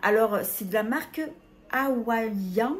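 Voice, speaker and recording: A woman's voice: mid-range voice, a little slow, darkish tone. A middle-aged woman presenting a casual beauty haul, talking hesitantly with many fillers and restarts. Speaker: beauty vlogger.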